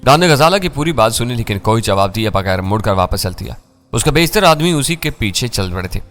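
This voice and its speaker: A man reading a first-person thriller story in a measured, dramatic way. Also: medium pitch, animated, a bit bright, soft background music.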